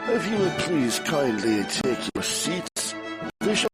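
A man's voice: a little high, sing-song, slow pace, over loud music. A man welcoming the audience to a theater program in the manner of an old radio show.

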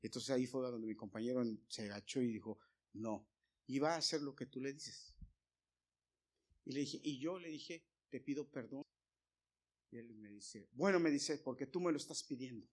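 A man preaching a sermon to his congregation, moving from loud, emphatic appeals to quiet, hushed storytelling. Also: medium pitch, normal speed. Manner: addresses listeners as brothers.

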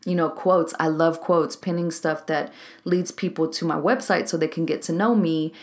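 Low-voiced chatty woman coach. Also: steady tone, normal speed, darkish tone. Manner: chatty and candid, laughs at herself. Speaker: life coach and podcast host. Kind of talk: casual solo podcast talk.

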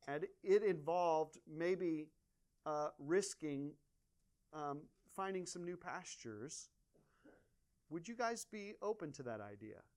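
Conversational pastor preaching to his church. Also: on the high side. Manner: asks the congregation questions; informal, with restarts and fillers. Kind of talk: conversational sermon.

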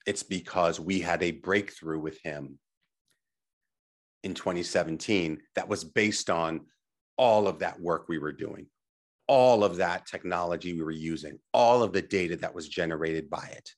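Speaking in a low voice at a moderate pace, this middle-aged health technology presenter and teacher coaches his audience emphatically through a motivational slide deck. He keeps asking the listener questions and checking in.

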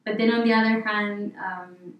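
A woman's voice: medium pitch, steady tone, moderate pace, far from the mic, lo-fi sound. Argentine woman guest in an echoey room. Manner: rambling, casual, many fillers and restarts. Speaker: interior designer, guest. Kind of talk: podcast interview. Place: office.

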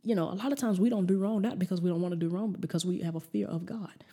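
A woman's voice: lowish voice, steady tone, racing, mellow, husky. A woman preacher giving a conversational, emphatic sermon, often repeating herself.

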